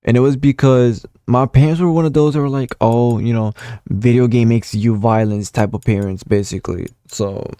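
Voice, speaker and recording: Reviewing old console messages, a roughly nineteen-year-old gaming vlogger rambles casually through his memories with lots of fillers and an occasional swear. His mid-range voice is warm, resonant, and clear, with a steady tone at normal speed and no echo.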